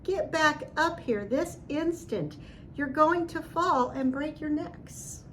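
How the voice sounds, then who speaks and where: Woman voicing a bossy, high-pitched mother bird, noisy recording. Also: expressive, slow pace, a bit bright, heavily acted. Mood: alarmed, scolding. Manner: exclaiming, bossy. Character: scolding, alarmed mother bird.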